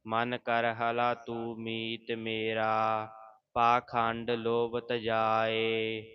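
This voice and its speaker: A man reading scripture aloud line by line in a slow, even, chant-like recitation. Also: fairly low pitch. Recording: dull lo-fi audio.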